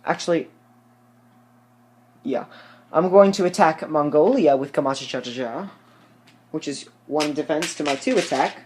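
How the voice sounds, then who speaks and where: A man talks through a board game for viewers in a relaxed, chatty way. He walks through each dice roll and rule step by step and keeps poking fun at his own bad luck. It is easy, off-the-cuff commentary rather than a scripted read. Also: a little high, normal speed, long pauses, slight background noise. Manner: explains rules step by step, self-mocking. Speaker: let's play host.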